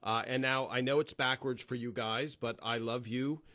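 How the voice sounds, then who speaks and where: A man's voice: medium pitch, steady tone, normal speed, sharp tone. A man hosting a casual live-stream chat for fans, greeting viewers by name with lots of fillers, into a plugged-in microphone. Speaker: host of a live fan stream.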